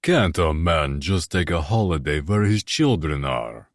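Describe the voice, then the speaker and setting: A man voicing an older Russian crime boss father with a Russian accent, speaking slowly in an audiobook. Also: very deep voice, lively intonation, no room sound, studio quality. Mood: wry.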